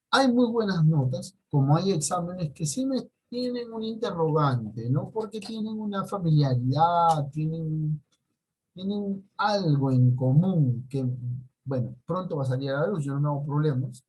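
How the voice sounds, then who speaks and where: Husky male history teacher reviewing an exam. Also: fairly high pitch, a little mellow, low-quality recording. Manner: conversational, frequent tag questions, dry warnings. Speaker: secondary school history teacher. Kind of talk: recorded exam review for students.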